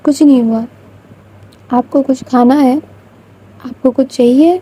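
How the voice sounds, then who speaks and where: A woman's voice: sits high, steady tone, warm tone, breathy edge, low-quality recording. A woman voicing a remorseful young mother who speaks tenderly while reproaching herself.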